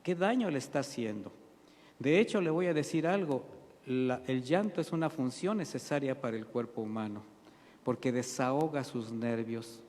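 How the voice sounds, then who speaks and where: A man's voice: mid-range voice, animated, normal speed, a little mellow, long reverb tail. A man preaching a sermon as pastor, asking his congregation questions and answering them himself, calling them brothers. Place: church hall.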